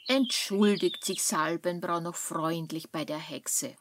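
A woman narrating a children's story in an expressive, suspenseful way. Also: on the low side, slow pace, background noise.

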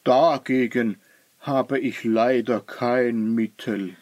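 A man playing an old, wise wizard who speaks slowly and thoughtfully in a children's story. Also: mid-range voice, expressive, a little mellow, no room sound. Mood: grave. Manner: slow, musing, grave.

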